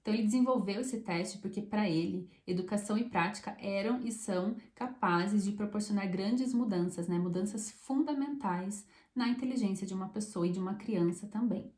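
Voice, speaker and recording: A woman psychologist giving a conversational explanatory talk, often checking in with short tag questions and pausing to choose her words. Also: medium pitch, a little mellow. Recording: echoey room.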